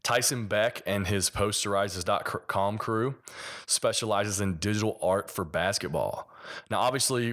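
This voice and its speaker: Low-voiced man with a mild Kentucky Appalachian accent. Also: a bit bright. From Kentucky, United States. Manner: conversational, explains with examples. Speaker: podcast host and sports designer. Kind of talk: solo podcast monologue, explanatory.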